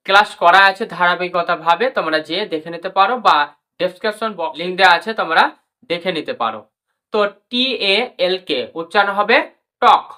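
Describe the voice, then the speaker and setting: A woman's voice: medium pitch, bright, forceful tone. A woman teaching English pronunciation in a lesson, spelling out letters, drilling words and repeating each rule. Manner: repeats rules, addresses viewers as brother and sister. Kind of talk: classroom lesson explaining rules.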